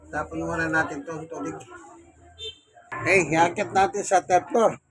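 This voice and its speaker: A Filipino man in his sixties, a senior citizen, vlogging at home about his chores and gently preaching about thanking God. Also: on the high side, steady tone, moderate pace, noisy background. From Philippines. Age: 60s. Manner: devout, gently preachy, speaks to viewers politely. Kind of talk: casual home vlog with religious reflections. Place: home, indoors, doing laundry and climbing stairs.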